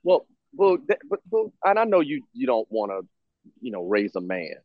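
A man's voice: mid-range voice, sing-song, normal speed, no echo. A man co-hosting a casual podcast chat, giving frank dating advice and repeating himself for emphasis. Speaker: co-host. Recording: dull lo-fi sound.

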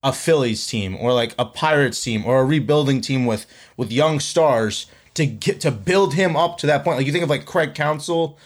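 A young man co-hosting a casual sports chat, arguing in an animated, profane way. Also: medium pitch, moderate pace, few pauses.

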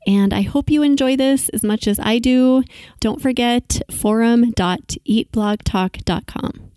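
A woman hosts a podcast, reading promos and introducing her guest with bubbly enthusiasm before the interview. Her voice is on the high side, warm and unhurried, with no echo.

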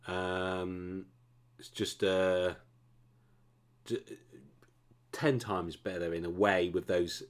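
Male co-host, very low voice, animated and rambling casual film chat. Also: drawn-out words, long pauses. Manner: rambling, animated, asks "you know what I mean?". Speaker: podcast co-host. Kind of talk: casual chat about films.

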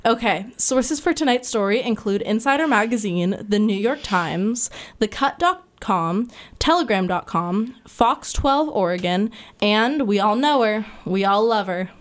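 A woman's voice: mid-range voice, expressive, measured pace. Chatty young woman hosting a podcast. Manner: chatty, lots of "like" fillers. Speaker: podcast host. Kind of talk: casual chat.

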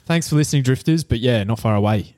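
A man's voice: medium pitch, fast, darkish tone. An Australian man hosting a casual podcast, chatting in a blokey, slangy way. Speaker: podcast host. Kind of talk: casual banter about horse racing betting.

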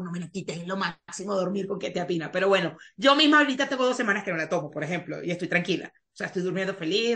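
A woman talking as a podcast guest in a casual interview, chatty and animated, now and then trailing off into soft asides. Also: medium pitch.

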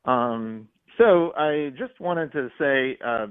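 A male radio caller comes through a narrow, tinny phone line at a middling pitch. He rambles and halts, padding his points with fillers. The studio sound around his voice is dry. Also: smooth, dry recording. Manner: rambling, halting with many fillers. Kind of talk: call-in radio chat.

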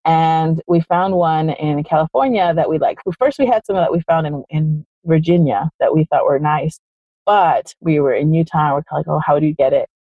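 A deep-voiced woman, born in Chile and raised in the United States, tells her story as a guest at normal speed. The sound is dull and dry with no room tone, and she rambles casually with lots of "kinda" and "like," quoting her own thoughts.

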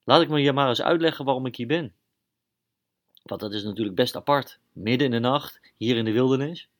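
A man's voice: mid-range voice, fairly quick, close to an everyday voice. A man voicing a cheerful superhero mouse. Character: friendly heroic male superhero mouse.

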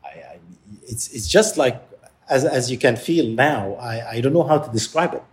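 A man from Palestine, speaking as an interview guest, reflective and halting, often searching for words and restarting. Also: mid-range voice, lively intonation.

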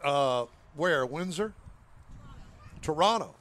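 A man's voice: a little high, animated, slow, a bit bright. A man co-hosting a show, joking and teasing in casual banter with guests. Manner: teasing, wisecracking. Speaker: co-host.

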